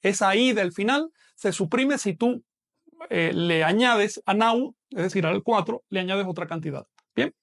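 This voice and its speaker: Gravelly man teaching an online class. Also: high voice, expressive, a little slow, fairly bright tone. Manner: patient explaining, asks questions of the student.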